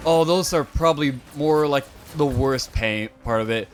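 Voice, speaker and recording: A man's voice: medium pitch, moderate pace, soft background music. A young adult man streaming a game, telling rambling, joking stories to his viewers with plenty of filler words. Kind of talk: casual chat with stream viewers.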